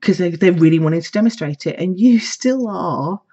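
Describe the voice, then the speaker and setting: A woman psychic reader giving a casual horoscope forecast, chatty and animated, laughing often and acting out imagined conversations. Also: on the low side, moderate pace, breathy edge, highs cut off.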